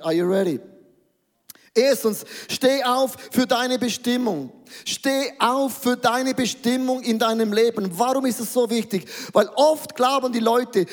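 An emphatic male preacher in full sermon mode, rallying his audience and tossing in English catchphrases. His voice sits very high for a man. The sound rings with the long reverb of a large hall. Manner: emphatic, rousing, calls for the audience to answer.

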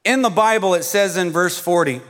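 A middle-aged man preaching a sermon in a church hall, energetic and coaxing his audience, pausing for an interpreter. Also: high-pitched. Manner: energetic, coaxes the audience, pauses for translation. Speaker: pastor. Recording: long reverb of a large hall.

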